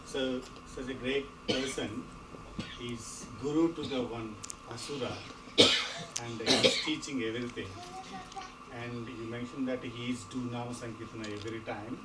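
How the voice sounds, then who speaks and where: A man puts a question haltingly from the audience. He has a mid-pitched voice, heard in a roomy, noisy recording. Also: fairly even intonation. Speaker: audience member asking a question. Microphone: far from the microphone. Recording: echoey, noisy, distant room pickup.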